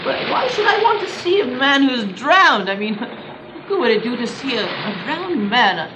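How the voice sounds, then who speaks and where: A man playing a prim, easily shocked Victorian gentleman with a genteel, fussy manner in a comedy sketch. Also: extremely high pitch, big pitch swings, normal speed, reverberant, background noise. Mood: indignant. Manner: genteel, fussy, exclaims in dismay.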